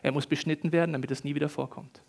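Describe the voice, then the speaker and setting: A man preaching as a pastor, telling stories with lively swings between loud bursts and quiet, acting out the voices he quotes. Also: a little high, racing, vocal fry. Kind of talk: sermon.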